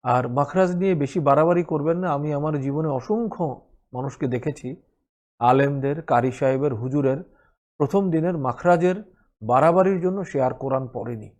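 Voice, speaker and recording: A man's voice: a little high, brisk, a little mellow, muffled recording. A man teaching Quran recitation in a spoken lesson, explaining each rule patiently and repeating the sounds for practice.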